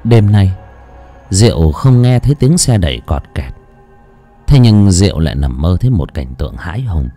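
A man's voice: low voice, very animated, moderate pace, warm tone, soft background music. A man narrating an audiobook expressively. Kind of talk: storytelling narration.

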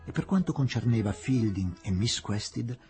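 A man reading a novel aloud in a varied, expressive way. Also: medium pitch, normal speed, faint music behind. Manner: expressive, shifting dramatic reading. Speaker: reader.

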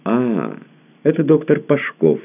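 A man's voice: mid-range voice, wildly swooping pitch, slow, vocal fry, husky, voice pushed up, heavily acted. A man voicing a haughty, cold baroness with a curt, commanding manner. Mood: cool. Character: haughty cold Georgian-born woman, a baroness. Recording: lo-fi phone-like audio.

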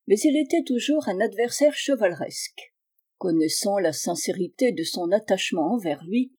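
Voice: mid-range voice, warm tone. Une voix adulte qui lit un roman policier classique à voix haute, d'un ton posé et régulier. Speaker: audiobook reader. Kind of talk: scripted narration.

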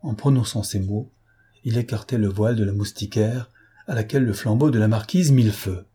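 Low, husky male audiobook narrator. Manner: measured, steady storytelling. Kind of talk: scripted narration of a novel.

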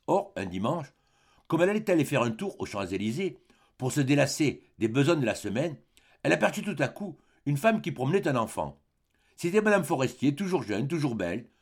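A man narrating a classic short story as an audiobook, in an expressive, measured way. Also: medium pitch.

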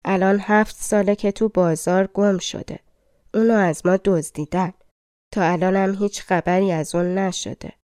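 A woman's voice: medium pitch, fairly even intonation, darkish tone, clean tone, dry recording, clean studio sound, lightly acted. A woman reading a storybook, voicing a weary, grieving old cobbler who laments his lost son. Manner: sorrowful, lamenting.

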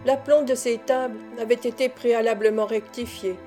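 A woman narrating a classic novel as an audiobook, in a measured, even reading. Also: a little high, faint music behind. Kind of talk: scripted narration.

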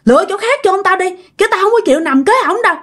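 A woman voicing a frail old grandmother possessed by a spirit, shrill, scolding and lamenting. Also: lively intonation, fast talker, fairly bright tone. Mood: indignant.

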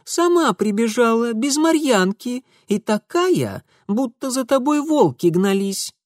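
A man's voice: very high-pitched, sing-song, measured pace, dry recording, studio quality, voice pushed up, full character voice. A man doing a sassy, bossy peasant girl. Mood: mocking. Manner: mocking, bossy. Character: bold, sharp-tongued young peasant girl.

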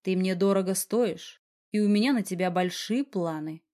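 A woman reading an audiobook and voicing a stern, protective young male boss who speaks slowly and firmly. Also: medium pitch, mellow, close to an everyday voice. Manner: slow, firm, growling.

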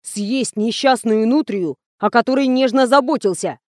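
A woman voicing a soft-hearted, excitable young man on a film crew. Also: fairly high pitch, moderate pace, dry recording, clean studio sound, close to an everyday voice.

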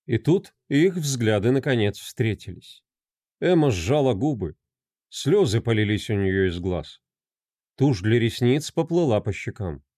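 A man narrating a crime novel as an audiobook, with expressive storytelling. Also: medium pitch, unhurried, no echo, studio quality.

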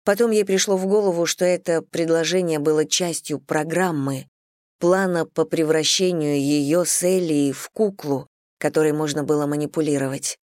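An audiobook narrator reading a thriller novel in an even, steady storytelling manner. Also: medium pitch, moderate pace, no room sound, clean studio sound.

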